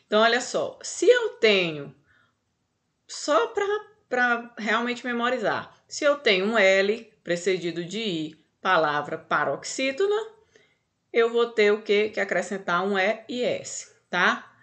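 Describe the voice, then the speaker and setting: A woman's voice: medium pitch, big pitch swings, unhurried, fairly bright tone. A Brazilian woman teaching a grammar lesson, patient and explaining step by step, checking in often with her students.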